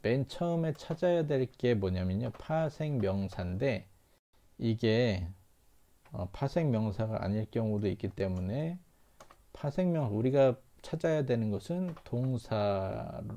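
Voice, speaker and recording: A male instructor with a dark, gravelly voice, explaining at an unhurried pace. He repeats key phrases and poses questions to himself, like a recorded online lecture, with faint keyboard typing in the background. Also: medium pitch, animated. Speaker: English reading instructor. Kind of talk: lecture-style lesson.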